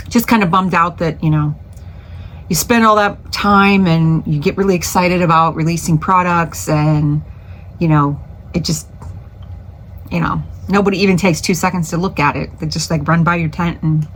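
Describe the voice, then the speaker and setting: Woman, middle-aged, low pitched, casual rambling vlog chat, lots of ums, home craft studio. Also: slight background noise. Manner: rambling, many fillers and restarts, chatty. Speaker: small craft business owner.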